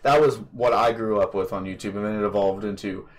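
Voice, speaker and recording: A young podcast host with a fairly low, steady voice talks briskly in a casual chat over a voice call. He rambles with lots of fillers and casual swearing, picked up by a computer microphone.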